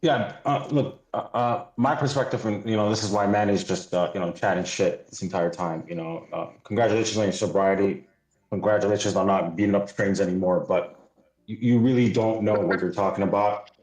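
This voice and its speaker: A man's voice: on the low side, a little fast, darkish tone, reverberant, low-quality recording. A US-raised man of Somali background making a blunt argument on a debate panel, stopping often with "uh". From United States, Somali family. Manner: hesitant, many "uh"s, blunt. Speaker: panel caller.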